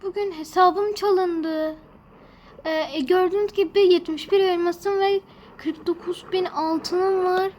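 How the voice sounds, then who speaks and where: A woman's voice: very high-pitched, fairly even intonation, normal speed, mellow. A woman hosting a gaming channel, talking to her viewers in a fretful, rambling way as she plays. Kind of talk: casual gameplay commentary.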